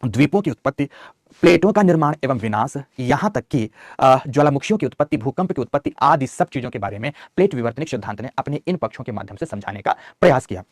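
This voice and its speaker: A man's voice: medium pitch, animated, quick pace, no room sound, studio quality. A man teaching geography in an online class, dictating notes and coaxing and scolding his students. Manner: scolding and coaxing students, calls them beta.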